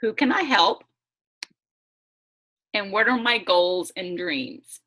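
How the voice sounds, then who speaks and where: A woman's voice: mid-range voice, takes it slowly, sharp tone. Upbeat woman hosting a video webinar. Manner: upbeat, chatty, breaks into laughs. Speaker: host. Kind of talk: casual webinar presentation. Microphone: video call.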